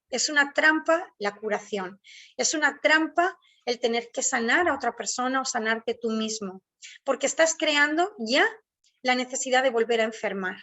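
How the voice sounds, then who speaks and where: Slow-speaking woman leading a spiritual workshop. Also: a little high, a bit bright. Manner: slow, deliberate, listing phrases in measured repetition. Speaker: workshop facilitator. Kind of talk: spiritual online workshop lecture. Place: indoors at home, near a door.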